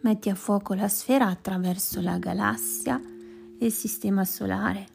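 A woman leading a guided meditation in a slow, soft voice that often sinks to a whisper. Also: medium pitch, steady tone, creaky. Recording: music playing behind voice. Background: plucked guitar music.

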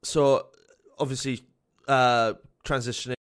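A man's voice: mid-range voice, fairly even intonation, unhurried, a bit bright, clean tone. A young man with a South Welsh accent hosts a casual podcast interview. He sounds upbeat and chatty, and he often repeats himself and drops fillers as he goes. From South Wales. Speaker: podcast host.

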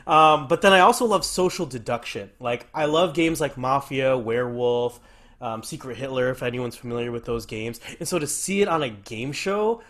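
A man's voice: medium pitch, moderate pace, a bit bright. A man chatting casually as a guest on a podcast, with an enthusiastic, talkative manner.

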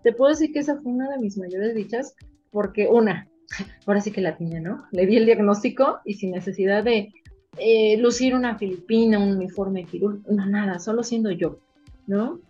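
A woman with a Mexican accent, a veterinarian guest in an interview, telling her stories in an animated, emotional way. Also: medium pitch, normal speed, breathy edge, lo-fi sound, faint music behind. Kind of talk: casual interview storytelling.

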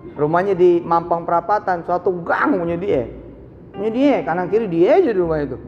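A man preaching a live sermon, telling stories with sudden swings from low asides to high exclamations. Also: animated, a little fast, long reverb tail, highs cut off, faint music behind. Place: large hall, live event.

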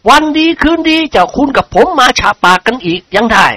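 A man's voice: high voice, expressive, brisk, sharp tone, dry recording, pitched above the performer's own voice. A man voicing a jovial older nobleman who banters heartily.

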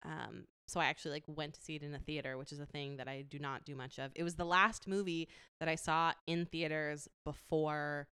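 Chatty woman with a clear, lowish voice. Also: fairly even intonation, a little fast, hardly any pauses, pushed and bright, dry recording, clean studio sound. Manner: chatty, many fillers and restarts. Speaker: podcast co-host. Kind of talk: casual movie chat.

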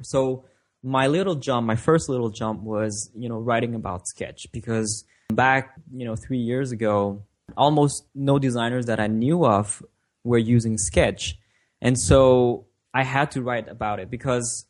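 A designer whose native language is French gives casual answers as an interview guest, speaking in a mid-range voice. He often pauses and repeats words while he thinks.

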